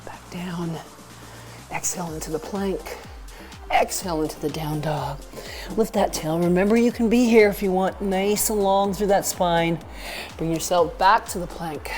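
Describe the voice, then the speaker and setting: Woman teaching an exercise class, really slow paced, kinda low voice, encouraging cues, bit of music behind. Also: warm tone. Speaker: fitness instructor. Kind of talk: instructing an exercise class, counting down reps.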